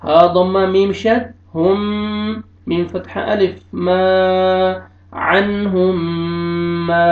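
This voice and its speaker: A man with a high voice and an Urdu-speaking accent teaches Quran recitation in a recorded online lesson, first spelling out letters and vowels and then slowly stretching out each joined word. Between readings he gives quick, matter-of-fact explanations of the rules, and the audio is a dull, roomy home recording.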